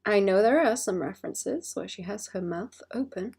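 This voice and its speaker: A woman streamer chatting casually and playfully as she draws, in a cute way, often murmuring to herself, with a slightly husky voice. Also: medium pitch, normal speed, a little mellow. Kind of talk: casual livestream chat while drawing.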